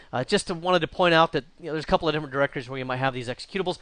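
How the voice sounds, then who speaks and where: Guy walking thru a computer tutorial, kinda high voice, smooth and crisp, dry close mic. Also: no echo. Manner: relaxed, thinking aloud with frequent uh and restarts. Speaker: instructor. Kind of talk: screen-recorded software tutorial.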